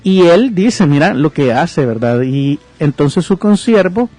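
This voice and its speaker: A man's voice: on the high side, lively intonation, measured pace, warm tone. A man giving pastoral counsel on a podcast, teaching conversationally about forgiveness and retelling and reading a parable aloud with explanatory asides. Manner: reads verses aloud.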